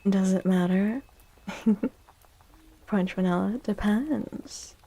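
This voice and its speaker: Extremely slow and mid-range in voice, a woman hosts an ASMR livestream, speaking softly and often whispering. She comes across as gentle, playful, cutesy and affectionate.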